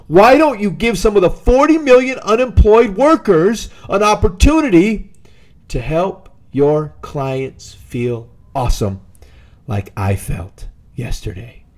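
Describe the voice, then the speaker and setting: An exasperated man from the United States recounts his story straight to camera in a casual vlog. His voice sits a little high and swings widely up and down as he acts out both sides of each conversation. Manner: exasperated storytelling, quoting others in dialogue. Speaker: vlogger. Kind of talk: casual monologue.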